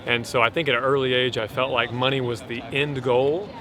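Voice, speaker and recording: A man being interviewed gives a thoughtful, measured answer, pausing on fillers as he thinks. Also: medium pitch, steady tone, bright, forceful tone.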